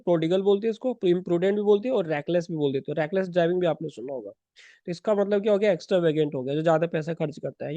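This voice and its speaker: A man teaching English vocabulary for exams, explaining step by step with rhetorical questions and quick self-corrections. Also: high-pitched, warm tone, no room sound. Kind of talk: exam-prep lesson in Hindi-English mix.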